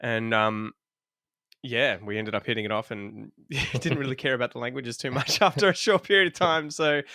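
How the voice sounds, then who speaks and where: A man in his thirties, an English teacher from Australia, keeps things casual on a podcast, recounting stories easily and laughing a lot. His mid-range voice moves at a normal speed, with no echo.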